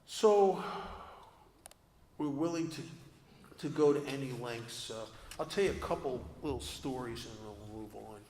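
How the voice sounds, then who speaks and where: A recovery convention speaker with a medium-pitched, darkish voice and lively intonation tells his personal story at normal speed, confessional and earnest, often joking about himself. His voice rings through an echoey hall with long reverb, over a faint hiss or hum.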